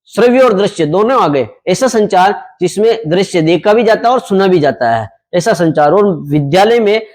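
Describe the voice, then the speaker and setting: This is a young man with a high-pitched voice delivering a classroom lecture on exam topics. He explains everything conversationally and keeps asking the class questions, then answers them himself. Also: expressive, normal speed, darkish tone. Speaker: teacher.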